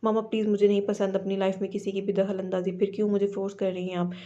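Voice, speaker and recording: Lady reading rude young husband, curt and flat, dull audio. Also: medium pitch, quick pace, natural voice. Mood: irritated.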